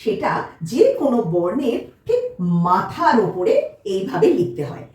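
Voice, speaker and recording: A woman teaching a children's spelling lesson, slow and patient, repeating each word twice. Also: on the high side, sing-song, darkish tone. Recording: echoey room, mic at a distance.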